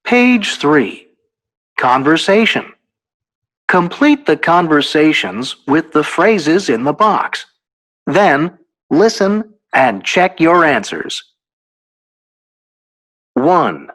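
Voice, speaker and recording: Textbook narrator; deliberate instructional announcing, very slow, mid pitch. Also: big pitch swings, a bit bright.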